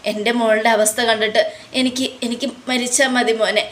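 Rahul, a guilt-ridden older father who begs and sobs, his words breaking off and restarting, read out by a woman in a fairly high voice. He sounds worn down by remorse. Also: steady tone, fairly bright tone, slight background noise, close to an everyday voice. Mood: grieving. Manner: tearful, begging, halting repetitions. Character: scheming older father, grief-stricken and pleading.

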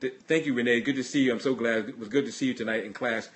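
A man's voice: medium pitch, fairly even intonation. A man pastor giving a livestreamed sermon, earnestly telling personal stories and often restarting his sentences. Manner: halting, restarts and repeats words; earnest storytelling.

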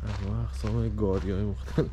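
A man in his thirties casually narrating a travel vlog while walking around an outdoor heritage village, filmed on a handheld camera. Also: lowish voice. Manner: relaxed, thinking aloud while walking around. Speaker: travel vlogger. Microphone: handheld action camera. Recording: noisy outdoor ambience.

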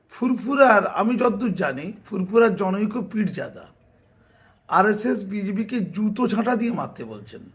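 Sarcastic commentator, gravelly and high. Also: male voice, a bit bright. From West Bengal. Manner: sarcastic, argumentative, mocking asides. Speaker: political commentator. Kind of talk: opinion commentary.

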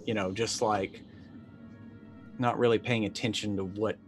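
A man in his thirties improvises in-character roleplay and narration as a player in a tabletop roleplaying game, speaking in hesitant, broken phrases. His voice is fairly low with a steady tone and a slightly slow pace, and soft music plays in the background.

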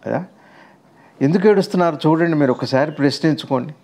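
A man's voice: fairly high pitch, quick pace, mellow. A man, a spiritual teacher, explains ideas in a conversational discourse, asking rhetorical questions and building long lists.

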